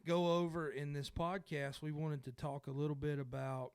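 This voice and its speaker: A male podcast host with a gravelly, creaky voice chats casually at a table mic. His speech is halting and self-correcting, with a light joking tone. The sound is dry and close, with no room echo. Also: fairly high pitch, level tone, a little mellow. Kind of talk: casual conversation. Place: indoor room by a window.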